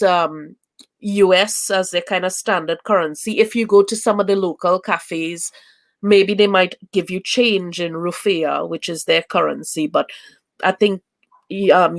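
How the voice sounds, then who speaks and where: A young Trinidadian woman, a traveling parent, chats as an interview guest over a video call in a casual conversation. She's full of fillers and restarts, speaking in a lowish, gravelly voice.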